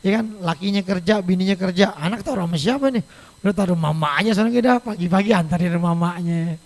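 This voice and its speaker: A man's voice: high-pitched, brisk. A middle-aged man giving an informal religious lecture in a mosque, chatty and joking, acting out quoted voices. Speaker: preacher. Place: large mosque hall. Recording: long mosque hall reverb.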